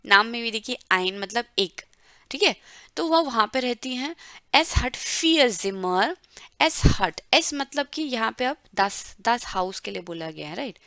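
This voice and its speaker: A woman teaching a German lesson, explaining words and drawing out pronunciation slowly. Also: on the high side, animated, bright, forceful tone, no room sound, studio quality. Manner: slow, drawn-out pronunciation drills. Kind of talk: bilingual language lesson.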